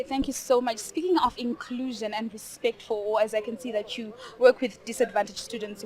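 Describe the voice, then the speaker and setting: A woman's voice: medium pitch, darkish tone. A woman interviewing people at an outdoor charity event, polite and formal, moving between English and Shona.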